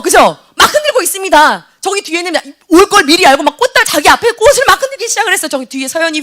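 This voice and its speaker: A woman's voice: very high voice, bright, forceful tone. A woman leading a youth sermon in church, questioning students by name and acting out scenes. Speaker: youth pastor.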